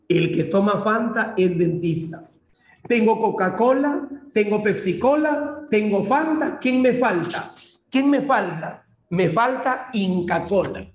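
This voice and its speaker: A man with a Peruvian accent teaching an online class, working through a logic puzzle step by step and repeating his cues to coax students along. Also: sits high. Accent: Peruvian Spanish. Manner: repetitive, coaxing, keeps saying "mira" and "sigue". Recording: echoey room.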